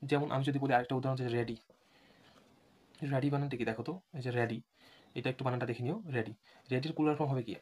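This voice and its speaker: A quick-paced man lecturing students through an exam-prep lesson. He spells words out letter by letter and keeps asking whether the class is following. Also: medium pitch, a little mellow. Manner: repeatedly checks understanding, spells words letter by letter. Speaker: English teacher for admission test prep. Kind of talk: online lecture.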